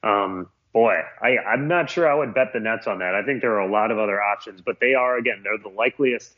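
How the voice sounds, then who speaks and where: A man's voice: on the low side, brisk. Give me a man co-hosting a sports podcast from a muffled, cave-like home setup, chatty and thinking aloud. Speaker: podcast co-host. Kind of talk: casual sports betting chat. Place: small makeshift home room in a new house, under a blanket.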